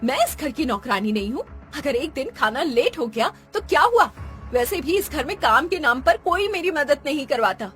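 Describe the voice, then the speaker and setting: A fed-up young daughter-in-law. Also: female voice, sits high, very animated, moderate pace, soft background music. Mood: angry. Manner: complaining, indignant, snapping. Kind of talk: animated cartoon voice acting.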